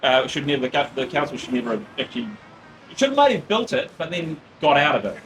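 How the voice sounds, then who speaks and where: Fast-talking New Zealand man in his fifties. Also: a little high, sing-song, noisy background. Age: 50s. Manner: brisk, blunt, frequent restarts. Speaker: guest. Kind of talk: casual interview chat.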